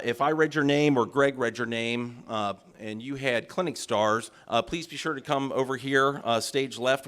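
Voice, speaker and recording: A man announcing at a closing ceremony, reading a list of names in a steady roll-call manner with frequent fillers. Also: mid-range voice.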